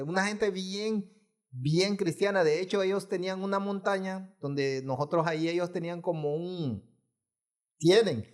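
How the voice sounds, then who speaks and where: Guy telling a spooky story on a podcast, kinda high voice, repeats himself a lot. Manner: earnest, repetitive storytelling, acts out quoted voices. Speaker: former funeral home worker, guest. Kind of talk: casual storytelling in a podcast interview.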